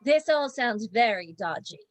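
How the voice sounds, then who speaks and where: A woman's voice: a little high, animated, a little slow, low-quality recording. A woman reading the part of a prim, indignant member of a village drama group. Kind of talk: amateur play reading. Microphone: video call.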